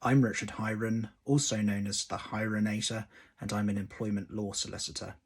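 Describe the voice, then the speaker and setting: A man, an employment law solicitor, explaining a legal point in a measured way and stressing key words. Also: on the low side, little pitch movement, breathy edge. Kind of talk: explanatory video talk to camera.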